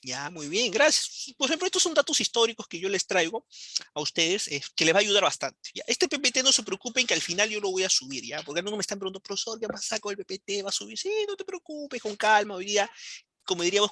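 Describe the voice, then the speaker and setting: Animated teacher asking rhetorical questions. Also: male voice, high voice, no room sound. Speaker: history teacher. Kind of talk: online class lecture.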